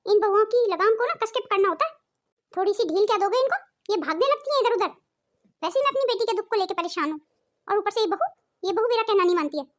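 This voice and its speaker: A woman voicing a domineering, quick-tempered older mother-in-law in a cartoon, scolding and bossy. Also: extremely high pitch. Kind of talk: cartoon voice acting.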